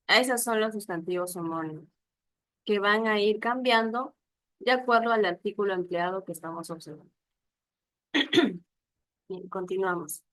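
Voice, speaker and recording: A woman's voice: mid-range voice, fairly bright tone, dry recording, poor audio. A woman teaching an online class, patiently repeating examples and checking whether her students follow.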